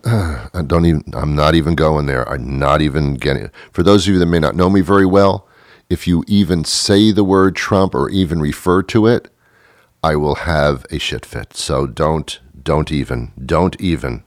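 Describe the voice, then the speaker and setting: A man's voice: rumbling low, normal speed, no room sound, clean studio sound. A man in his thirties hosting a talk show, rambling through a sarcastic, self-mocking monologue that often trails off. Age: 30s.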